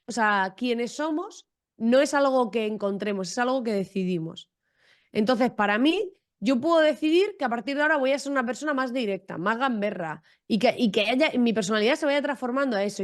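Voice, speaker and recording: A woman from Almería speaks in a podcast interview. Her voice sits fairly high. She talks frankly and directly, with a humorous edge. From Almería, Spain. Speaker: guest entrepreneur.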